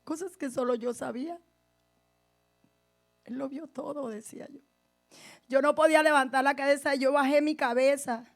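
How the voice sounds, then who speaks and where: High-voiced woman pastor giving a passionate testimony. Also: steady tone, a little fast. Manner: passionate, swinging between hushed and forceful; addresses listeners directly. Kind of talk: testimony in a sermon.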